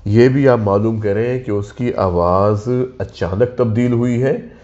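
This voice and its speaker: Low, calm male doctor host; measured explainer; lo-fi audio. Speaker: doctor hosting a health talk. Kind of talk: explanatory health talk. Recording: dull lo-fi sound.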